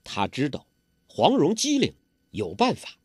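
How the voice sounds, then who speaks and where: A man's voice: a little high, huge pitch swings, unhurried, husky, dry recording, clean studio sound. A man narrating a martial arts tale in traditional oral storytelling style, with dramatic emphasis.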